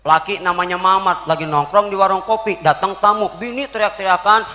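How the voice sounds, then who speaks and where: Male preacher, high sharp voice, jokey and lively with the crowd, echoey mosque hall. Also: a little fast, very noisy. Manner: joking, animated, asks the audience questions. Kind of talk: humorous sermon. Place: mosque gathering.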